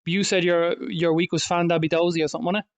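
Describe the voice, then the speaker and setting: A man's voice: on the high side, level tone, quick pace, vocal fry, no echo, highs cut off. A man co-hosting a casual gaming podcast, swearing, laughing and rambling through banter. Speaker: co-host.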